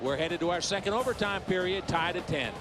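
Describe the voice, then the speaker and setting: A male sports announcer gives live lacrosse play-by-play. His voice sits a little high, and loud music-like game sound runs behind it. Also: fairly quick.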